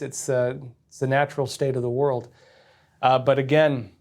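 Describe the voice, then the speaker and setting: Talking straight to his viewers, this livestream host, a man in his thirties, offers casual, frank political opinions to the chat. He speaks in a mid-range voice that has a darkish quality.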